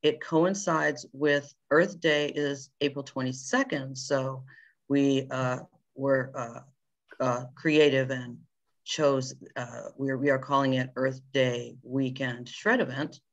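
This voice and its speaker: Halting woman giving a committee report. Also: very deep voice, steady tone, muffled recording. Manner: halting, many fillers. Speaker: committee chair at a board meeting. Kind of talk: meeting report.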